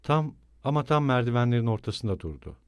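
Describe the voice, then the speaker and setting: Guy reading a novel out loud, calm and steady, mid pitch, dry close mic. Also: brisk, clean tone, no room sound. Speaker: audiobook narrator. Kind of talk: scripted narration of a classic novel.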